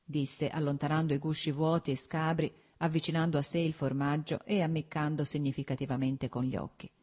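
Low, dark-voiced woman reading aloud. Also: fairly quick, slightly rough. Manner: reads dialogue in a raised, more animated voice than the narration. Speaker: reader. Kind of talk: audiobook narration with character voices.

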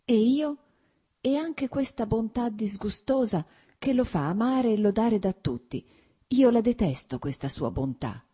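A woman's voice: a little high, expressive, measured pace, husky, voice pushed up. Woman voicing a furious betrayed wife. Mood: bitter. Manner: shouting, cutting, anguished. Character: betrayed weary wife, bitter and fierce.

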